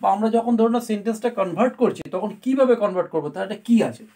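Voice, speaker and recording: A woman's voice: mid-range voice, quick pace, warm tone. A woman teaching a grammar lesson to students. She explains step by step and keeps checking that they follow. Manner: explains patiently, often checks with "right?".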